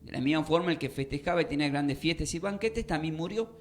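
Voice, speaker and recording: A man's voice: a little high, expressive, fast. A man teaching a radio Bible class, quizzing listeners and repeating key points for emphasis. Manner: questioning, emphatic teaching with repetitions. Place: radio studio.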